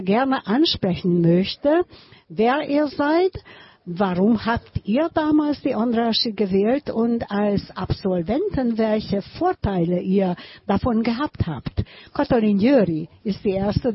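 A woman hosting a radio interview, moving slowly through her questions and filling pauses with hesitant fillers. Her voice is husky and a little breathy, and the recording sounds dull and lo-fi. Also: a little high. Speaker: radio host.

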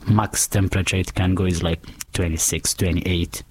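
A man, a guest in a casual interview, telling his story in an unhurried, reflective way. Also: deep voice, flat delivery, husky. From Kenya.

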